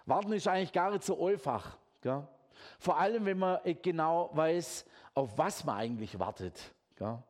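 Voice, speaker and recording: Guy preaching, chatty and lively, keeps saying gell. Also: on the high side. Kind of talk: sermon.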